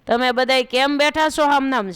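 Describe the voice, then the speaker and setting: A woman voicing an ecstatic village man who loudly exclaims and urges others to come and see. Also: high-pitched, steady tone, normal speed, clean tone, pitched above the performer's own voice. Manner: loud, exclaiming, urging others. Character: ecstatic village man seeing divine light, excited.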